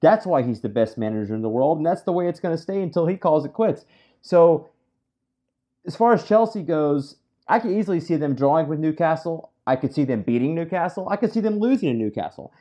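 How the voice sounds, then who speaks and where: A man's voice: fairly high pitch, expressive, brisk, mellow. A man hosting a casual football podcast, talking bluntly and emphatically and swearing freely. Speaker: podcast host. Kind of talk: casual sports chat.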